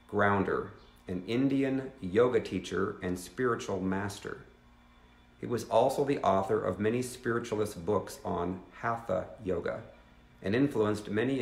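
A man in his fifties reads a teaching earnestly from his living room at home, keeping a steady pace and adding asides to viewers. His voice is on the low side, and the recording has a roomy sound.

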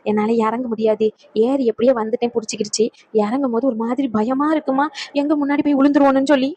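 A woman puts on a gentle old village granny in a cartoon, her voice lower and softer than a young woman's, speaking slowly and hesitantly. She sounds timid and a little fearful, and her talk comes in short, halting bits. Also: steady tone. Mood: worried, gentle. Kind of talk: cartoon voice acting.

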